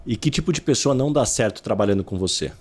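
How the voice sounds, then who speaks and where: A man's voice: lowish voice, lively intonation, fast talker, darkish tone, breathy edge. A man hosting an interview podcast, speaking frankly and laying out his views in ordered points. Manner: frank, explains in structured points. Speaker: podcast host. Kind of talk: interview conversation.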